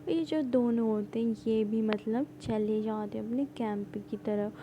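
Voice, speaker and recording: A woman casually retelling a drama plot, rambling with many fillers and halting restarts. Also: a little high, steady tone, warm tone, a little hiss or hum, rough recording. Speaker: storyteller recapping a drama plot.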